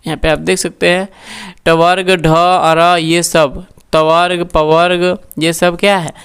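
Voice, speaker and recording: A woman teaching a grammar lesson, who poses each question and then answers it herself, repeating key terms slowly for her pupils. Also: on the low side, little pitch movement, smooth. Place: recorded for an online class.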